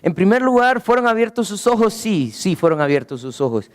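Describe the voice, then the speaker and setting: A man preaching a sermon as pastor, earnestly asking rhetorical questions and slowing down, going low for emphasis. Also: big pitch swings, in a large hall. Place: church.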